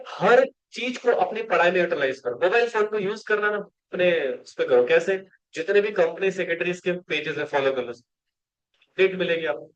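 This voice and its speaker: Man, classroom lecture, coaching tone, rhetorical questions, somewhat high pitch, muffled sound. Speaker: company law teacher.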